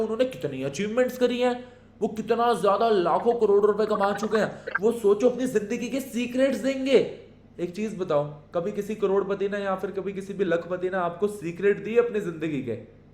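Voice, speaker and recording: Young man, sales trainer, emphatic coaching, high voice, echoey room. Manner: coaching, swings between soft and emphatic, mixes in English. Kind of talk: motivational sales training talk. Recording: echoey room with faint ambience.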